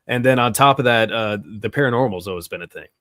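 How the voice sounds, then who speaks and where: A man in his forties from Florida, chatting as a guest about his paranormal show in a relaxed, rambling storytelling way over a video call from outdoors. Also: medium pitch, quick pace, no echo, clean studio sound. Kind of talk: casual chat.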